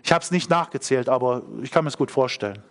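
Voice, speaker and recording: A man's voice: mid-range voice, lively intonation, a little fast, fairly bright tone. A middle-aged man preaching a sermon, emphatic, repeating key phrases and asking the congregation questions.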